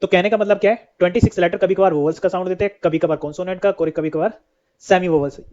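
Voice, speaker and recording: A man's voice: high-pitched, fairly even intonation, quick pace, a little mellow. A man teaching an English lesson, who keeps asking questions and then answers them himself. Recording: dull lo-fi sound.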